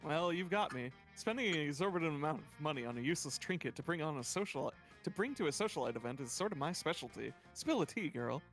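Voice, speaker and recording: Man as vain reaper socialite, sassy drawl, highish animated voice, guitar music behind. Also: fast, few pauses. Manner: theatrical, haughty, drawling.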